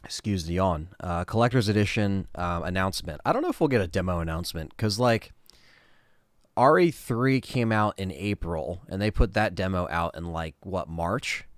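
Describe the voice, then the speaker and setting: A man hosting a casual livestream, answering chat questions in a relaxed, rambling way with lots of fillers. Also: sits low, normal speed, dry recording, studio quality.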